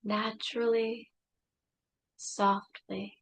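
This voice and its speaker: A woman leading a guided meditation, speaking softly and soothingly with long pauses. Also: on the high side, flat delivery, gravelly.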